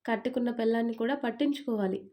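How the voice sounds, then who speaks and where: A woman's voice: a little high, very fast, warm tone, close to an everyday voice. A woman voicing a cheerful young man in an audio story who soothes his upset friend in an easygoing tone. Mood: placating.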